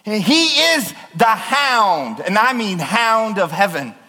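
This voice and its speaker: Impassioned high-voiced preacher in echoing church. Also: male voice, big pitch swings, slow pace. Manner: impassioned, emphatic preaching that sounds like yelling. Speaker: pastor. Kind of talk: sermon.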